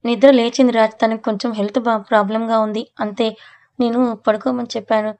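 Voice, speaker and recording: Harsh older father figure, scolding, read by a woman; flat, mellow tone. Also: a little high, brisk, close to an everyday voice. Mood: excusing.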